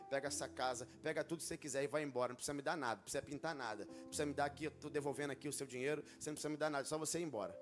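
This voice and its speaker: A man preaching a sermon as pastor, telling a personal story and rising into loud, fervent exhortation. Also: on the high side.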